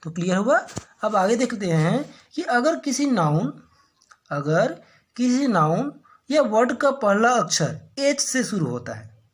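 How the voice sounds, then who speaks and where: A woman teacher who explains English grammar in Hindi, putting questions to her students, answering them herself, and reading the English example sentences slowly. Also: on the high side, sing-song.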